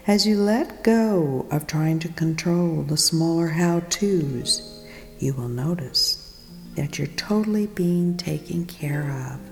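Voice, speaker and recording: A woman leading a guided meditation, speaking softly and soothingly, often in a whisper. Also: low voice, takes it slowly, gravelly. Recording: long reverb with music behind.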